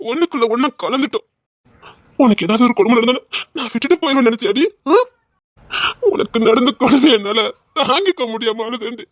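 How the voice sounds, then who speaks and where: A man plays a husband in a drama, forceful and choked with tears as he pleads and vows revenge. His mid-range voice is recorded close and dry, with no room sound. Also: high-pitched, no room sound. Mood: furious grief. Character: grieving, furious husband, loyal and vengeful.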